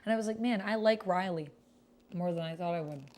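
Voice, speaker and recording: Her voice is lowish, brisk and a little mellow as this woman streamer casually chats through a text-based roleplaying game. She reads her typed roleplay out in a sentimental, gushing manner. Computer keyboard typing sounds in the otherwise clear background.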